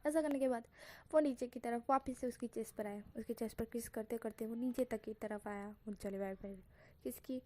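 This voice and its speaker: A woman's voice: fairly high pitch, steady tone, normal speed, a little mellow. A woman casually reading a romance fan fiction aloud, with chatty, self-conscious asides to her listeners.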